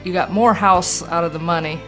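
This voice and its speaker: A woman's voice: on the low side, fairly quick, music in the background. A woman speaking casually as a customer giving a testimonial.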